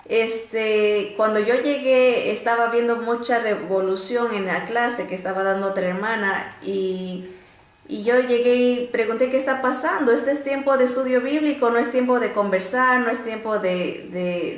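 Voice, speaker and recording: A woman teaching a Bible lesson through stories, animated and often pausing on "este" and restarts. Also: reverberant. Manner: animated storytelling, often rising in pitch to act out quotes; frequent filler "este" and restarts.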